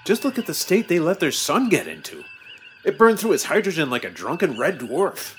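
A man playing a starship crew officer, delivering absurd lines deadpan in a comedy audio sketch. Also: on the high side, moderate pace, a little hiss or hum. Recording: music bed behind the voice.

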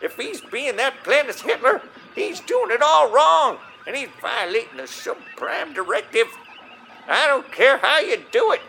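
A gravelly old prospector commodore. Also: male voice, very high voice, bright, forceful tone, a little hiss or hum, heavily acted, poor audio. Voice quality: gravelly, twangy old-timer bark. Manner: blustering, folksy orders. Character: grubby old male prospector playing a gruff commodore. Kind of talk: comedy audio sketch.

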